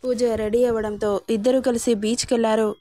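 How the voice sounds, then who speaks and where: A woman reading a romance story aloud as scripted narration, voicing every character herself at a steady reading pace. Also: on the high side, normal speed, dry recording.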